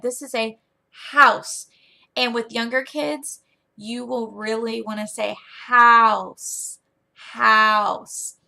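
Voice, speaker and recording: A young woman explaining online English teaching in a chatty tutorial, often using a high, playful teacher voice. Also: vocal fry, pushed and bright. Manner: chatty, demonstrates teacher lines in a high, exaggerated sing-song. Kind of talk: casual screen-recorded tutorial.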